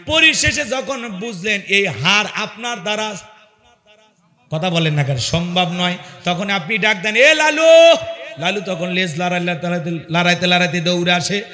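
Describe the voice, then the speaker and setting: A man preaching a fiery sermon at an outdoor gathering, calling on the crowd to answer and driving rhetorical questions through a loudspeaker microphone. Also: sits high, normal speed. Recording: long echo of a loudspeaker.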